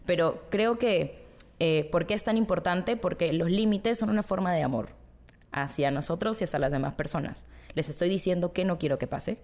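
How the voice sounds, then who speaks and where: A woman psychologist calmly explaining ideas in an interview, often checking in with a question tag. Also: fairly low pitch, moderate pace.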